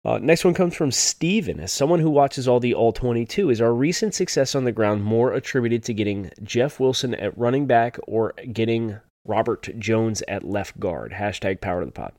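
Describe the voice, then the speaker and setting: A man's voice: mid-range voice, expressive, moderate pace, hardly any pauses, a little mellow, dry recording, clean studio sound. A man hosting a sports podcast, talking through analysis and answers to listener questions in a conversational way. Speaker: podcast host.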